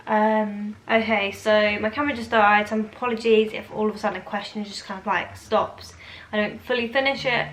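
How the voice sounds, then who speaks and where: Casting: British female vlogger, twenties, informal rambling chat, mid-pitched voice, roomy echoing sound. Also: steady tone, normal speed, fairly bright tone. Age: 20s. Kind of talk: casual chatty Q&A to camera. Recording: echoey room, faint background noise.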